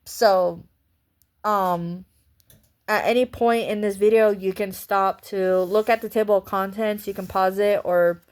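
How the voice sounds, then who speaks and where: A woman's voice: mid-range voice, steady tone, a little slow, clean tone. A woman giving a casual vlog book review in a chatty, rambling way, often breaking into laughs.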